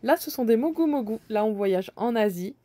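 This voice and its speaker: A woman's voice: on the high side, expressive, normal speed, warm tone, dry recording. A woman casually walking through supermarket aisles, chatting and thinking aloud as she points out deals, with frequent hesitations. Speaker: bargain-hunting vlogger.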